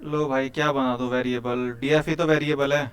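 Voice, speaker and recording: A man's voice: mid-range voice, fairly even intonation, normal speed, smooth. A young man teaching a live coding class, chatty and teasing, quizzing his students as he goes. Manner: chatty, quizzes students, keeps saying "bhai".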